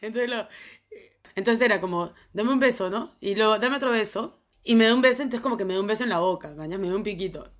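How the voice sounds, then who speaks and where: A young woman with a Peruvian Spanish accent tells a story on a podcast. Her delivery is loose and casual, heavy on slang and filler words. Her voice sits at a middle pitch. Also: fast talker. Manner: rambling, slangy, full of fillers. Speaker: podcast co-host.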